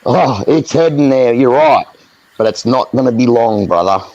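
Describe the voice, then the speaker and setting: A man's voice: medium pitch, expressive, moderate pace, a little mellow, no echo, highs cut off. Angry Australian man ranting. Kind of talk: heated live chat.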